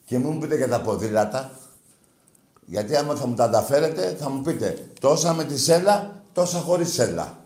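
A male call-in show host with a middling voice who talks fans down with crude, taunting banter. He flares into loud, shouted bursts between stretches of gruff muttering. The studio sound is roomy and echoing. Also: medium pitch, expressive. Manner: brash, crude and mocking, with sudden shouting bursts. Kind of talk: rowdy sports call-in banter. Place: radio studio.

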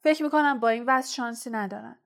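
A woman's voice: on the high side, lightly acted. A woman voicing an intense, stern teenage boy team captain who talks urgently in a clipped, insistent way, in a storybook reading. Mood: bitter.

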